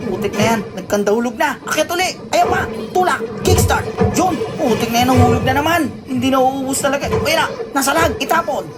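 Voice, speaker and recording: A woman's voice: high-pitched, lively intonation, brisk, few pauses, a loud crowd. A woman giving comic play-by-play of a video game, blurting short action calls and sound effects, then musing and ranting. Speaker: gaming video creator. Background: background music.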